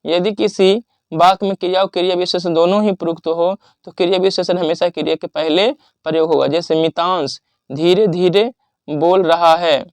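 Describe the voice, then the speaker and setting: A man teaching exam revision, reading out word lists and rules in a steady listing manner with pauses. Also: high-pitched, clear, resonant tone, no echo.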